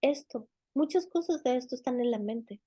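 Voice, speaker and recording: A woman gives a teaching sermon in a high, mellow voice. She talks to the listener directly and conversationally, often putting questions to them and using everyday fillers. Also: animated, moderate pace. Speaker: Bible teacher.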